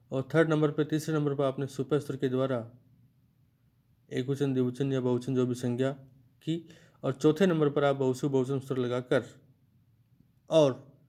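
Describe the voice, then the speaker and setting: A man of middle pitch gives a patient grammar lecture to students. He talks slowly and goes over each point again and again, as a teacher does for a class. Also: warm tone. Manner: slow, repetitive explanation, restating each point.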